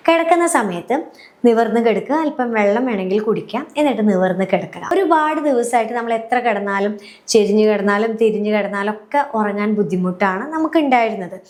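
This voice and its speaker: A woman, a happiness coach, calmly guiding listeners step by step through a breathing and relaxation routine for sleep. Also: medium pitch, fast talker. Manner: calm, step-by-step, often checking "clear?". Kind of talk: guided relaxation instruction.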